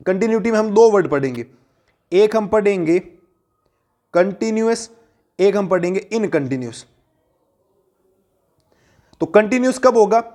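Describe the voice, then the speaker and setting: High-voiced man teaching a math lesson. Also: a little mellow. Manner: asks the class questions and answers them himself, repeats key points.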